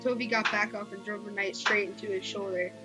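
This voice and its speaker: This creepypasta reader is a young woman with a medium-pitched voice and fairly even intonation who reads a horror story fairly quickly and casually. She keeps stumbling and going back over lines, and background music plays under a low-quality recording.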